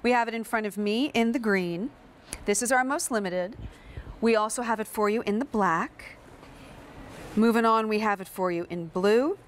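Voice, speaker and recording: An American woman, middle-aged, presenting a chatty sales pitch as a home shopping host. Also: normal speed, a little hiss or hum. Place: kitchen set in a TV studio.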